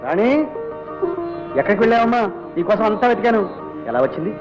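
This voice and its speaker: Casting: an evasive estate-owner husband, high-pitched and clipped, on a dull vintage soundtrack. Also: male voice, expressive, fast talker. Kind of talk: 1970s Telugu film dialogue. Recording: muffled old film soundtrack with music.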